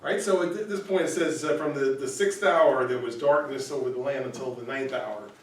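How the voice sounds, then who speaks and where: A man's voice: mid-range voice, brisk. Man teaching Bible study in an echoey room. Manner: conversational, repeats words, often asks "right?". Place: church room. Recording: roomy echo, recorded from far off.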